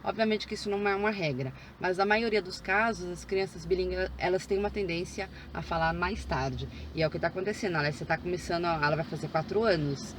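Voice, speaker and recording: A woman's voice: fairly low pitch, fast talker, hardly any pauses, slight background noise. Chatty woman vlogging outdoors. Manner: chatty, many fillers and restarts. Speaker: vlogger, mother. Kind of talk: casual parenting vlog.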